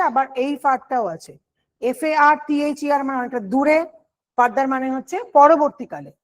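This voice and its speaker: High-voiced woman teaching grammar. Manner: explains step by step, asks and answers her own questions. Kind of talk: online exam-prep grammar lesson.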